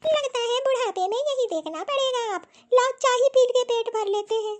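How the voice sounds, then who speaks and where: A woman voicing a grumpy, suspicious old grandmother in a cartoon, scolding in a shrill, complaining way. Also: moderate pace. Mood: grumbling. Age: older. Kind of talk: cartoon voice acting.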